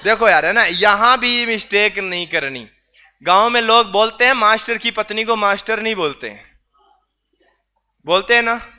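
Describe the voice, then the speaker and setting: A man's voice: high voice, moderate pace, bright, forceful tone, clean tone. A man teaching a class, quizzing students with repeated questions and teasing asides. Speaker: reasoning teacher. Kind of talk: online class lecture.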